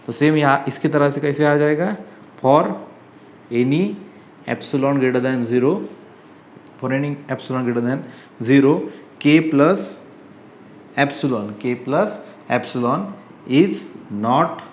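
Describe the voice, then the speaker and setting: Indian male math teacher, questioning and repetitive, slow dictation, echoey room. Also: medium pitch. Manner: repetitive, asks the class questions, slow dictation of English terms. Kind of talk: whiteboard math lecture. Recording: echoey room, faint ambient noise.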